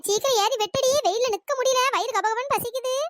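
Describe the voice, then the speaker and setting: A voice actor playing chattering village women in a cartoon, nagging and teasing. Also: female voice, fast talker, dry recording. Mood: worried. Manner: nagging, teasing, shrill calls. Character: bickering, greedy village women after palm fruit. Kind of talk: cartoon voice acting.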